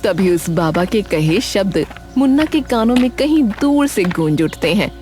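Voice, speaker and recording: Woman narrator for a cartoon story, bright lively pitch, faint music. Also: a little slow.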